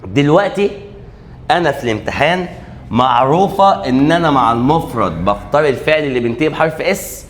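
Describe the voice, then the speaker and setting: A man with an Egyptian Arabic accent teaching an exam-prep English grammar lesson, animated, posing students' questions and answering them himself, drawing out key letters slowly. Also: mid-range voice. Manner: animated, asks and answers his own questions.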